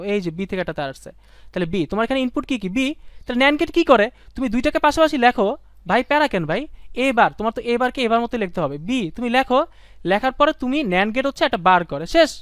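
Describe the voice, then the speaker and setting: A man's voice: extremely high pitch, a bit bright, clean tone, no room sound, studio quality. A young man teaching a live online class, talking students through each step, repeating himself and asking rhetorical questions.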